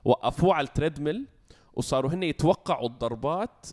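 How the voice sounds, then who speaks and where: Man, podcast host, very fast, lively pitch, mixes in English. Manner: rapid, animated, code-switching, steers the topic. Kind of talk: casual chat.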